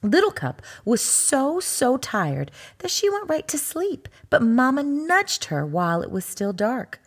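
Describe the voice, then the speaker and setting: Woman, storybook read-aloud, slow and gentle, breathy, lively expressive pitch. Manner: slow, gentle, expressive reading with soft whispered asides. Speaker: children's book narrator.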